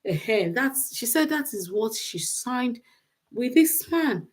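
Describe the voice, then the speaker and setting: Speaking off the cuff on her livestream, a Nigerian-accented woman offers relationship advice in a rather high, expressive voice. She takes her time, driving points home by repeating phrases with emphasis.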